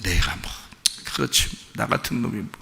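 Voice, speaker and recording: A dejected man grumbles that nothing will ever work for him, as a preacher acts him out. His muttering is resigned and a little gravelly. It echoes with a long hall reverb. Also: high-pitched, big pitch swings, brisk, pushed and bright, exaggerated voice. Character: dejected man, self-pitying and hopeless.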